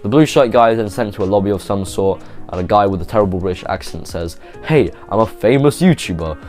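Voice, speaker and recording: A man's voice: fairly low pitch, fast, darkish tone, faint music behind. A man narrating a YouTube video in a casual, rambling, offhand way, full of "like" and restarts. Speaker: YouTube host.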